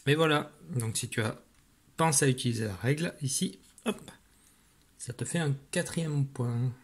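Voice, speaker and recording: A man teaching a spelling lesson, slowly sounding out syllables with patient guidance to a child at home. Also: mid-range voice, breathy edge. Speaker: primary school teacher.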